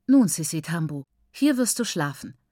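A woman's voice: on the low side, lively intonation, a little mellow, no room sound, studio quality. A woman reading a proper mother who chats on about manners and scolds her daughter in a falsely cheerful tone. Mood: brisk. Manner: brisk, admonishing, falsely cheerful.

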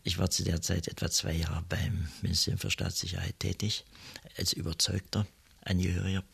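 Very deep, gravelly, raspy man in his 70s. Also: flat delivery. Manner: slow, measured, sometimes dropping to a whisper. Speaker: interviewee, former officer. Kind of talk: recorded testimony.

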